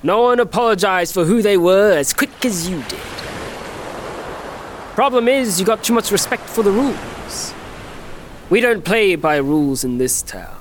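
Sneering villain Mister Hyde. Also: male voice, sits high, expressive, a little slow, slight background noise. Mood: menacing. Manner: taunting, drawling gangster talk. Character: sinister male villain Mister Hyde, menacing. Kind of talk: comedy radio play acting. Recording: music behind.

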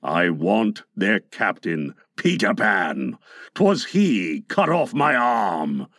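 Real low slow pirate captain for a storybook, dark, vengeful, dramatic, very dry recording. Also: male voice, big pitch swings, dry recording, exaggerated voice. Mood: vengeful, bitter. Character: menacing, brooding, vengeful male pirate captain.

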